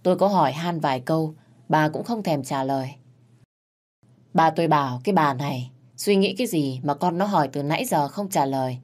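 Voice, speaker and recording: A woman narrating a family drama in the first person, calm and quiet. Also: deep voice, fairly quick. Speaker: storyteller.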